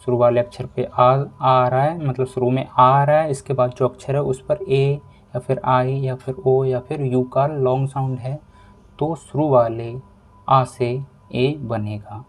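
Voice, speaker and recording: A man teaching a pronunciation lesson, explaining rules slowly and repeating each step. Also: mid-range voice, fairly even intonation. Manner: slow, repetitive explaining. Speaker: English teacher.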